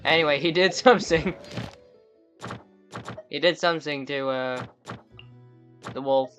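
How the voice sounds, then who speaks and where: A man giving casual, laid-back commentary while playing a game, with excited bursts. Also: on the high side, unhurried, lo-fi sound, soft background music. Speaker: gaming streamer.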